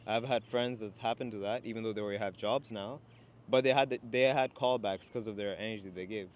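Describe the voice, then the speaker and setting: This young adult man, Sri Lankan-born and Qatar-raised, speaks fairly quickly in a lowish voice. Appearing as a student guest, he talks casually about job hunting, peppering his speech with "you know." The setting is an outdoor city spot close to traffic.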